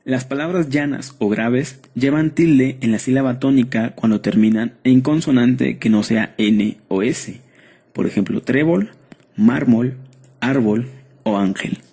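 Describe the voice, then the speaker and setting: Husky-voiced man reading a lesson. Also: medium pitch. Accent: Mexican. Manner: steady, measured reading of rules and word lists. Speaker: student presenter. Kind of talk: read-aloud lesson narration.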